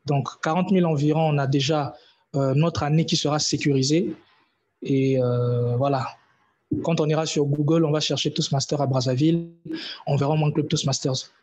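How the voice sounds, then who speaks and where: A man's voice: fairly high pitch, darkish tone, husky. A man leading a public speaking club meeting, giving feedback and announcements, often hesitating and repeating words. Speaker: meeting leader and evaluator.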